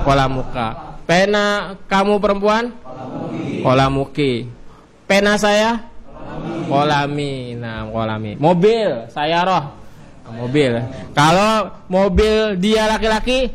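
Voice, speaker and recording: In a high voice, a man with an Indonesian accent teaches an Arabic grammar lesson in class. He drills each form with a rising cue and a falling answer, drawing the Arabic words out slowly.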